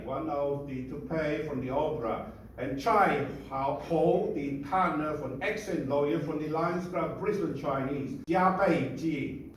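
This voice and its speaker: A man's voice: fairly high pitch, a little hiss or hum. A man acting as master of ceremonies, reading out guest names and titles in a formal way with brief asides at an outdoor community event. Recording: echoey PA sound from a distance.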